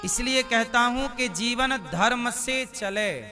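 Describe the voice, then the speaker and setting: A man's voice: very high-pitched, slow, pushed and bright, soft background music. A man preaching a sermon, asking the audience questions and answering them with emphasis.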